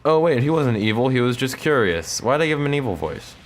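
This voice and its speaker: A man's voice: medium pitch, big pitch swings, fairly quick. A young man reading a video game's story aloud, with casual joking asides. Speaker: let's play narrator. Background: faint game music.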